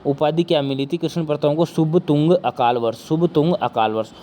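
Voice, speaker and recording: A male teacher giving an exam-prep history lecture, with a sore throat and speaking softly, who keeps asking questions and answering them himself. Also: fairly high pitch, moderate pace.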